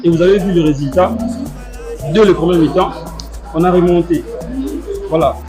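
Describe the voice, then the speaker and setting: A man's voice: sits high, moderate pace. Confident male fan, music behind. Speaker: fan interviewed. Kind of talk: casual interview answers.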